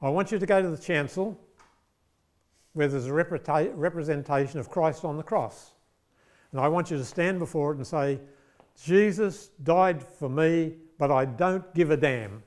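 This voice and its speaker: A man voicing a gentle, persistent male priest who speaks calmly and coaxingly. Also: a little high, normal speed, close to an everyday voice.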